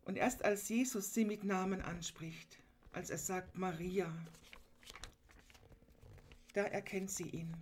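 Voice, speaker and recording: A woman delivering a sermon in an earnest, emphatic way, retelling the story and then speaking straight to her listeners. Her voice sits at an ordinary middle pitch for a woman. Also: normal speed, a little mellow. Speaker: preacher.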